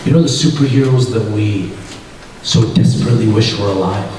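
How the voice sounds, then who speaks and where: A man's voice: lowish voice, fairly quick, darkish tone, slight background noise. Man preaching in an echoey hall. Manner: asks the audience questions, repeats short phrases for emphasis. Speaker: youth conference speaker. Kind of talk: religious talk to a youth audience. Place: large hall with an audience. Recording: echoey hall, speaker far from the mic.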